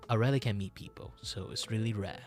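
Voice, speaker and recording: A man chatting casually as a streamer, rambling and halting as he repeats his phrases. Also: fairly low pitch, faint music behind. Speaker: VTuber streamer. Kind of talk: casual livestream chat.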